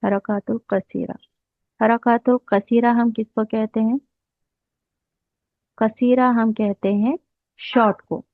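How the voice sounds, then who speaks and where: A woman with a slightly high voice gives a slow, patient lesson, repeating each term as she writes it out. The sound is dry and tinny, like it came through a phone. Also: flat delivery, no echo. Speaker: Arabic teacher.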